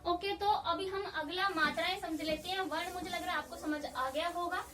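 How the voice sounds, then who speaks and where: A woman teaching a grammar lesson, explaining slowly and patiently and repeating key points. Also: extremely high pitch, fairly even intonation, recorded from a distance, background noise. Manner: patient, repeats key points, often says "theek hai".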